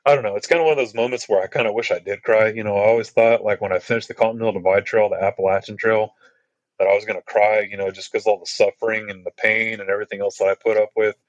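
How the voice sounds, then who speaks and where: A laid-back man, a podcast guest, tells trail stories in a low, unhurried voice. He rambles and fills gaps with "you know" and "like". The sound is dry and close. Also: steady tone, no room sound, lo-fi sound. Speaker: podcast guest, long-distance hiker. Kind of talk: casual storytelling chat.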